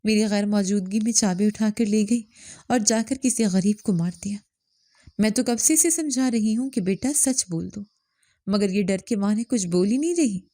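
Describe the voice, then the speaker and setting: A cunning rich villainess who threatens one moment and coaxes the next, voiced by a woman narrator in a mellow, low-key tone on a dry, close recording. The delivery stays measured even when menacing. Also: dry recording, lightly acted. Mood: falsely worried. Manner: threatening, coaxing.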